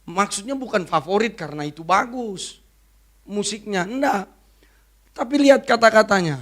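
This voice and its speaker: A woman evangelist giving an emotional sermon testimony to a church congregation, swinging from loud to hushed. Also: medium pitch, lively intonation, normal speed. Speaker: evangelist preacher. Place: church service.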